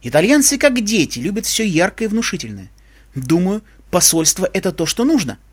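Brief: reserved grown woman, measured, male reader. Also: high voice, sing-song, breathy edge, full character voice. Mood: pleased.

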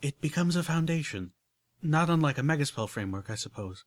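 A man's voice: fairly high pitch, expressive, brisk, no room sound, pitched above the performer's own voice, close to an everyday voice. A man voicing an elegant, prim unicorn mare who talks with genteel enthusiasm. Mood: confiding.

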